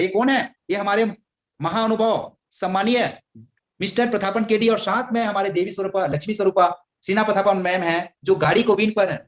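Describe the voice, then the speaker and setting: High-voiced energetic salesman. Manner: energetic, persuasive, addresses listeners as friends. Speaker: network marketing team leader. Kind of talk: motivational sales presentation.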